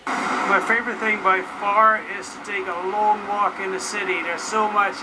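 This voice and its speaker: Brief: high-voiced Dutch-born male vlogger, camera mic outdoors, clear traffic noise. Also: flat delivery, normal speed. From Netherlands. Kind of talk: vlog talk to camera. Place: outdoors in a city park.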